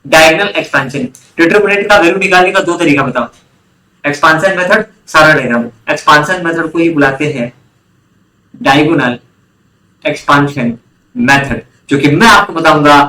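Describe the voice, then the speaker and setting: Upbeat male tutor from India, high voice, roomy echo, drills terms by repetition. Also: normal speed, long pauses. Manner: lively, quizzes students, repeats key terms. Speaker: commerce teacher. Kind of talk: online class lecture. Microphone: online class recording.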